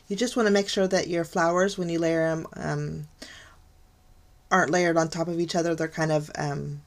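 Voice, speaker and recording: This is the host of a card-making channel, a woman with a lower, slightly mellow voice, recording a casual crafting tutorial voice-over. She sounds chatty and gushing, with frequent ums and light laughs, while an overhead camera at her craft desk films her hands.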